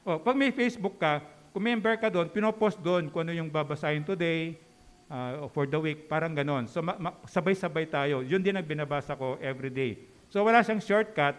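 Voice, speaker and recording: A man's voice: on the high side, a little fast. A man preaching as a pastor in a church, conversational and joking, often checking in with the congregation. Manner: conversational, keeps asking the congregation "di ba?"; joking with the audience. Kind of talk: sermon. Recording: long church hall reverb.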